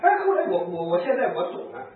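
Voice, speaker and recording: Animated priest, distant echoey hall. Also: male voice, high voice, fast talker, phone-quality sound, slight background noise. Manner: animated storyteller, acts out quoted speech, chuckles. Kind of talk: lively talk with anecdotes to priests and nuns.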